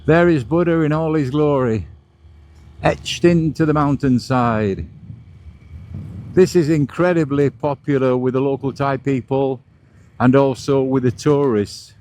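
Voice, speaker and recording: A man with a mid-range, slightly mellow voice rides a motorbike along outdoor roads. He's a motorcycle vlogger and host, chatting casually like a tour guide over the noise of wind and traffic.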